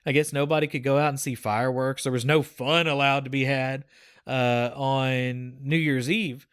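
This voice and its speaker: A man's voice: mid-range voice, steady tone, moderate pace, a bit bright, clear, resonant tone. A man hosting a gaming podcast, talking in a rambling, chatty way with frequent fillers. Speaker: podcast host. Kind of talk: casual chat.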